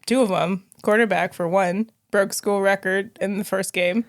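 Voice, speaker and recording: A woman's voice: mid-range voice, fairly even intonation, moderate pace, dry recording. Woman cohost chatting football, laughs a lot, dry close mic. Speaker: co-host. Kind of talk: casual sports chat.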